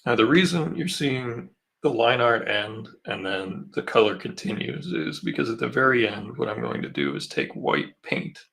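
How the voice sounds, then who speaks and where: A man's voice: medium pitch, expressive, normal speed, vocal fry, fairly bright tone. A man hosting a live painting stream, casually explaining each step as he works and answering questions from chat. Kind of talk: casual livestream painting demo.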